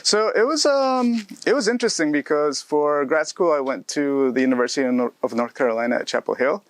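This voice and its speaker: Dry-sounding man, friendly and halting. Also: on the high side, animated, no echo. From Ecuador. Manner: friendly, frequent fillers and restarts. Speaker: postdoctoral researcher, interviewee. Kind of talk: casual interview.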